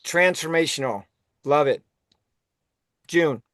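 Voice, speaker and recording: A man's voice: on the high side, takes it slowly, a bit bright, no echo, studio quality. A man hosting a motivational team call, enthusiastic and often laughing, restarting his words as he goes. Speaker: host of a weekly team call.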